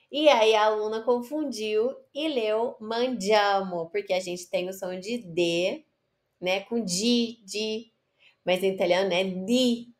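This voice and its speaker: A woman gives an Italian lesson in at an unhurried pace. She reads short lines of Italian, then translates and repeats each word to drill the pronunciation. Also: medium pitch. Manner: explains Italian words in Portuguese, repeats and corrects pronunciation. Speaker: Italian teacher. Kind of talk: online language lesson.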